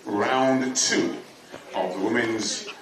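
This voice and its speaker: Guy on the stadium PA calling athletes to the start, booming echo from far off. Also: crowd noise. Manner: measured, repeats instructions. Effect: over a PA system. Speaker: stadium announcer. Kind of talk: public address announcements. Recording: echoey loudspeaker from far off.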